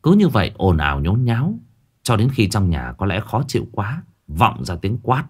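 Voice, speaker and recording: A man narrating a ghost story in an expressive, dramatic storytelling manner. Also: on the low side, normal speed, breathy edge. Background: faint background music.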